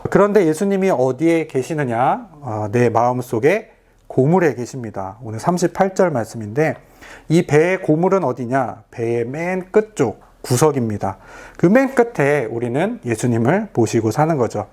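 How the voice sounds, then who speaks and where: A man giving a recorded video sermon to a youth group as their pastor, earnest and gentle, speaking directly to his listeners. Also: medium pitch, sing-song, moderate pace.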